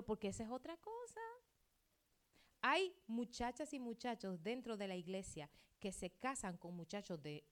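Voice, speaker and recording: Dramatic woman pastor preaching a sermon. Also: medium pitch. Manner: dramatic, acts out quoted dialogue, wide swings between loud and hushed.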